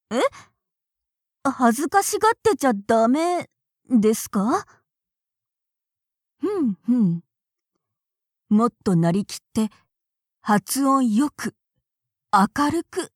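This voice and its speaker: A woman's voice: fairly high pitch, a little mellow, no echo, studio quality. A woman acting as a naive, polite young woman who hesitates and stammers when flustered, in an audio drama.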